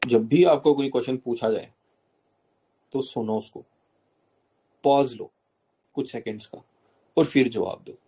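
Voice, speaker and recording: A man's voice: medium pitch, a little slow, long pauses, dark tone, slightly rough. A man coaching students for a job interview, explaining step by step, mixing English terms into Hindi and often checking in with "okay?".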